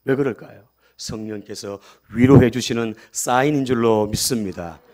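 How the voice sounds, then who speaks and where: A male pastor preaching a sermon emphatically, swinging between loud outbursts and quiet asides and calling out for amens. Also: medium pitch, normal speed. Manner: calls for amen and hallelujah responses.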